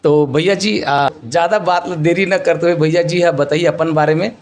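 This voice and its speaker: A man's voice: a little high, fairly even intonation, normal speed. A man with a Chhattisgarhi accent hosting a vlog, chatting casually and addressing his viewers again and again. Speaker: vlogger host.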